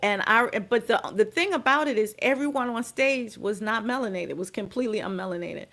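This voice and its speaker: A middle-aged American woman, a guest on a podcast interview, telling her story with expressive, emphatic phrasing. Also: on the high side, brisk. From United States. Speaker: guest, dance and movement healer.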